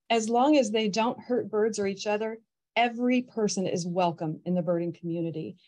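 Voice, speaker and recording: A woman's voice: medium pitch, a little mellow. A middle-aged woman who organizes a birding festival, speaking fluently and earnestly in a panel discussion over a video call.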